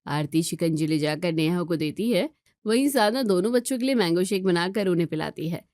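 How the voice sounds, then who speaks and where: A woman narrating a scripted family story in an even, measured way. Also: on the low side, no room sound, clean studio sound.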